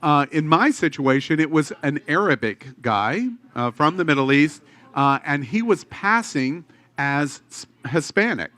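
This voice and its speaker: Bright-voiced male podcast host. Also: fairly high pitch, animated, a little slow. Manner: hesitant, full of restarts and fillers, playful. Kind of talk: casual group chat.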